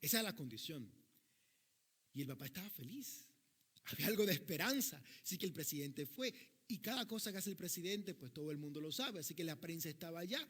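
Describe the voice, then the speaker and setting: A man's voice: a little high, expressive, brisk, a bit bright, slightly rough. A male pastor preaching a sermon, telling a long parable and voicing the people in it as he goes. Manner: tells a parable, acting out quoted voices in dialogue. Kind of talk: sermon storytelling.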